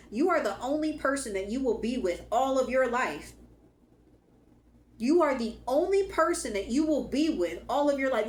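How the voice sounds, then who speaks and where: A woman whose voice is going hoarse gives an emphatic, casual spiritual pep talk to her viewers. She speaks, repeats her key lines and swears now and then. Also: a little high, echoey room, a little hiss or hum. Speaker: spiritual channel host.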